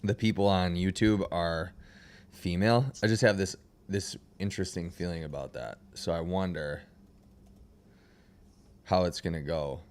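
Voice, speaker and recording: A man's voice: low voice, fairly even intonation, moderate pace, pauses often, clean tone. A young man hosting a casual livestream, laid-back and slangy, often trailing off mid-sentence. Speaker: livestream host.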